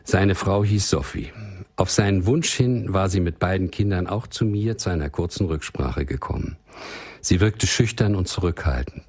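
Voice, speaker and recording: A man reading a first-person case story as a doctor, in a calm, measured storytelling manner. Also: low-pitched, breathy edge. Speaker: doctor recounting a patient case. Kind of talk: read-aloud case story.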